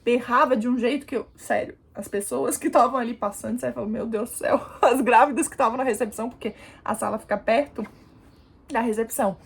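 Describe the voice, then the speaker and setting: A young woman vlogger casually telling a story to camera in an animated way, often calling out to her viewers and showing what she did. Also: a little high, fast talker, creaky, husky. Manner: animated, addresses viewers as "gente", demonstrates positions. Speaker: vlogger, new mother.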